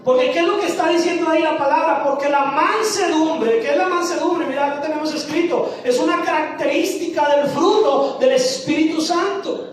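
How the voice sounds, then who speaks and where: Heard from far off in an echoey church with faint music, a woman pastor preaches at normal speed with hardly any pauses. Her voice is high-pitched, and she questions the congregation before answering herself in the sanctuary.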